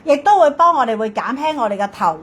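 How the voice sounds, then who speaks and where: A woman with a Hong Kong Cantonese accent hosting a live hard-sell shopping pitch, insistent and repetitive, often checking in with questions. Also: big pitch swings, fast talker, fairly bright tone, breathy edge.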